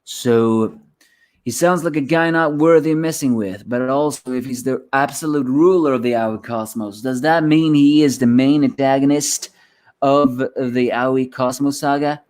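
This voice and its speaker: A man's voice: mid-range voice, unhurried, a little mellow. A man giving a rambling solo review of a manga chapter, sleepy and yawning, often restarting his words.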